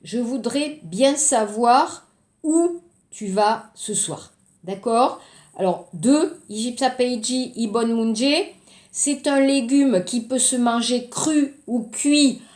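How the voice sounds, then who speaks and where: Woman, French teacher, slow careful delivery, fairly high voice, echoey room. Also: a little mellow. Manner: slow, explaining word by word. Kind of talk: recorded language lesson.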